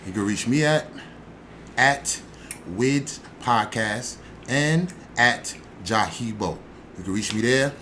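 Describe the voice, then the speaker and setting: A man's voice: mid-range voice, lively intonation, slow pace, sharp tone, slight background noise. A young man co-hosting a podcast, arguing his points in an assertive, emphatic way during a casual debate. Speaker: podcast co-host.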